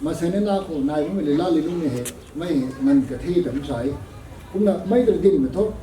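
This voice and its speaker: A man preaching a sermon at a prayer meeting, measured and slow, with English words slipped in. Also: on the high side, mellow, a little hiss or hum. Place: prayer gathering hall. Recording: echoey hall, voice from a distance.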